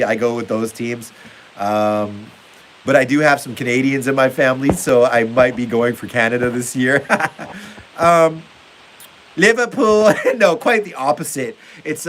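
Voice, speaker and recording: A young man reads viewer comments aloud on a casual basement livestream, rambling and upbeat with plenty of fillers, using a phone as his mic. His voice is mid-range and a bit bright.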